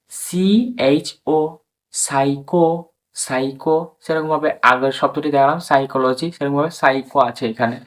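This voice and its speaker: A man teaching English pronunciation to viewers. He spells words out letter by letter, drawing out each sound, and keeps urging the viewers as friends to understand. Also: mid-range voice. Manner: addresses viewers as friends and urges them to understand.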